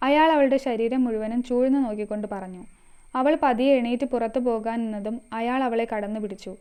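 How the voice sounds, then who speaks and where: A woman's voice: fairly high pitch, brisk, warm tone, clear, resonant tone. A woman narrating a scripted story, reading all the characters herself. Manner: reads all characters herself, mostly in her own voice.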